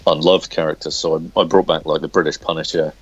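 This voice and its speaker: Captured on a smartphone with no room sound, the audio is dull and lo-fi. A comic writer with a very low, slightly rough voice speaks flatly in a casual interview, hesitating and repeating words.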